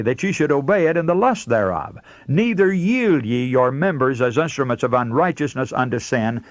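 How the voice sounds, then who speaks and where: An American man with a fairly high voice hosts a radio sermon with scripture readings, delivering it in an earnest, emphatic, teaching manner. The audio is lo-fi with no echo.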